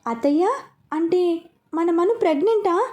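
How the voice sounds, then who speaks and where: Woman doing an excitable middle-aged mother. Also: very high voice, measured pace, pitched above the performer's own voice. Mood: excited. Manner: excited, exclaiming.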